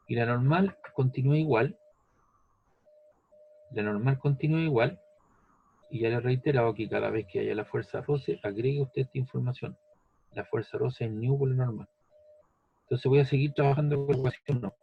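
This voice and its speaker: A man's voice: medium pitch, gravelly, breathy edge, highs cut off. A man teaching a physics lesson step by step, patient, repeating each step and checking that the student follows. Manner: patient, repeats steps, asks "¿ves?" and "¿cierto?".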